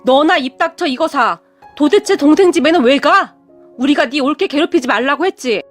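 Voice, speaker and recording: A blunt, sharp-tongued mother-in-law, as a woman puts her on in a radio story, scolding her grown daughter without mercy. She speaks a little lower than the narrator, with faint music underneath. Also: lively intonation, moderate pace.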